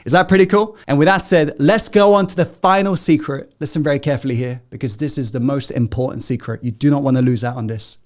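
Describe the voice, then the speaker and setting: Talking fast with few pauses in a medium-pitched voice, a man hosts a live motivational masterclass. He fires rhetorical questions at the audience, swinging from loud, emphatic urging to hushed, intimate asides.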